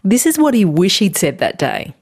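A woman's voice: medium pitch, sing-song, moderate pace, darkish tone, husky. A woman hosting a radio science show, narrating a scripted story with dry asides.

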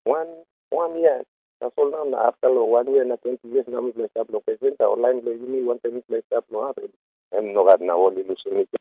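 A man with a Melanesian accent being interviewed informally in pidgin, speaking in short, halting phrases. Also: mid-range voice, no echo. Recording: narrow phone-like sound, very dry.

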